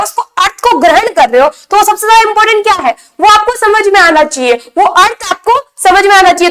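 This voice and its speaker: A woman's voice: very high voice, a bit bright. A woman teaching an online exam-prep lesson, asking her class questions and then answering them, often repeating the key point.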